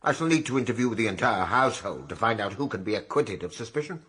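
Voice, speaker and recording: Husky no-nonsense detective, lively pitch, old radio play. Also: male voice, quick pace. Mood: grave. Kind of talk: 1920s radio drama acting.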